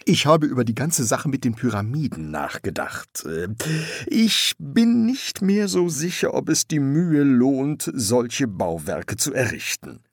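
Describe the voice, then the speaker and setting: A man's voice: mid-range voice, sing-song, measured pace, no room sound, clean studio sound. A man voicing the indignant ghost of a dead pharaoh in an audiobook. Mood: exasperated. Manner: indignant, grumbling.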